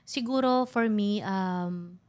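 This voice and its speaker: A woman's voice: mid-range voice, takes it slowly, clean tone. A woman in her thirties, a podcast guest, talking candidly and reflectively about family and loss, mixing Tagalog with English. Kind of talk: emotional casual chat.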